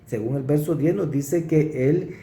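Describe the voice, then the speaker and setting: A man preaching, teaching through a Bible passage verse by verse and pausing to stress what he reads. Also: on the high side, mellow. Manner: explanatory, pauses to stress verses. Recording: roomy echo.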